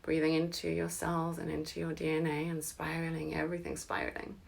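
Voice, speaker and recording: Speaking in a low, gravelly voice, a woman guides listeners through a slow meditation. Her pitch stays even and calming, and she often drops into a breathy whisper.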